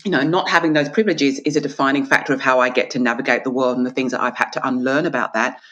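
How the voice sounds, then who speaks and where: In a reflective interview, an Australian woman who is an author and guest talks earnestly and with emphasis, acting out little dialogues. Her voice rumbles low yet has a fairly bright tone, steady and quick-paced, though the highs are cut off.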